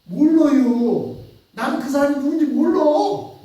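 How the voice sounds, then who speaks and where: Scared denying man, voiced by a male preacher, loud, pleading, high, distant, echoey hall. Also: measured pace, lo-fi sound. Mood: insistent denial. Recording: echoey church hall from far off.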